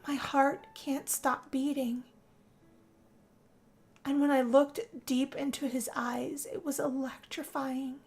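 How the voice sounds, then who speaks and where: Speaking slowly in a high-pitched voice with fairly even intonation, a woman takes on the role of a lovestruck, exhausted young heroine narrating her own story. She sighs breathily for dramatic effect while music plays under her.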